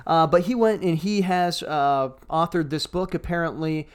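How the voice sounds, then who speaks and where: A man's voice: on the high side, normal speed, clean tone. A man co-hosting a casual podcast discussion who reads passages aloud and comments on them wryly. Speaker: podcast co-host.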